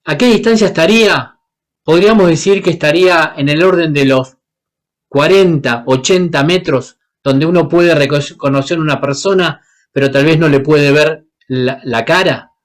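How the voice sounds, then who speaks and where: A man's voice: fairly high pitch, normal speed. A man from Paraguay, preaching a sermon and asking the congregation questions as he acts out the Bible characters. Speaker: guest preacher.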